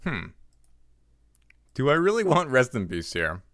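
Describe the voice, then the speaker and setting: Male streamer, chatty live gameplay commentary, close dry headset mic, lively pitch. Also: measured pace, no room sound. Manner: chatty, reacts aloud while playing, talks to chat. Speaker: livestreamer and card game player.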